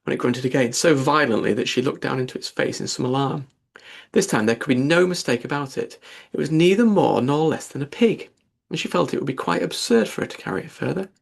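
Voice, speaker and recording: A man narrating a classic children's story as an audiobook reader, in an expressive storybook manner. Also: a little high, a little fast, vocal fry, slightly rough. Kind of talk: scripted narration.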